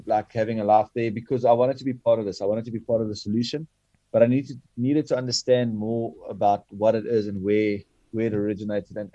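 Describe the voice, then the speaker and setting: Male interview guest, native Afrikaans speaker with Afrikaans South African accent; dark, relaxed tone, close dry sound, earnest, hesitant delivery. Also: medium pitch, no echo, lo-fi sound. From Bloemfontein, South Africa. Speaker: guest, sports franchise chief executive. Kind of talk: reflective interview talk.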